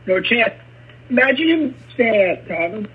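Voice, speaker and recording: A man's voice: very high voice, big pitch swings, moderate pace, breathy edge. A man co-hosting a podcast in casual chat, joking and hiccuping. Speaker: podcast co-host. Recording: dull lo-fi sound.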